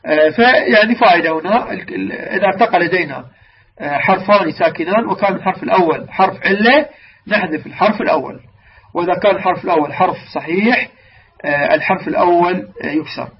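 A man teaching the rules of Quran recitation, stretching example words out slowly and asking his listeners questions he answers himself. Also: high voice, gravelly, husky. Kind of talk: religious lesson on recitation rules. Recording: distant, dull lo-fi mic with faint noise.

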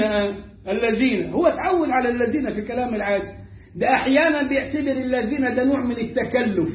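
High-voiced Egyptian man teaching recitation. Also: reverberant, highs cut off. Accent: Egyptian Arabic. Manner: demonstrates pronunciation by repeating words slowly, animated and emphatic. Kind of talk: Egyptian colloquial tajweed lesson.

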